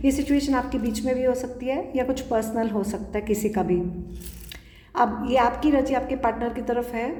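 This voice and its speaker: Woman, Punjabi accent, tarot reader, calm, repetitive, mellow tone, echoey room. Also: fairly high pitch. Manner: calm, repetitive, mixing Hindi and English. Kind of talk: pick-a-card tarot reading. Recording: roomy echo with long reverb.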